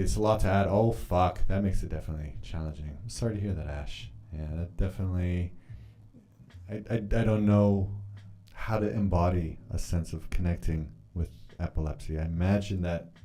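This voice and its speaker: A man with a low, mellow voice, whose first language is Polish, journals on a live stream while casually chatting. He rambles and swears freely as he reads through the comments.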